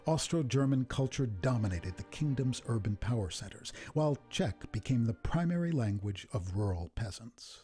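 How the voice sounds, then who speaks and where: A man giving a scripted documentary narration about a composer, in a measured, even storytelling manner. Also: medium pitch, faint music behind. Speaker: program narrator.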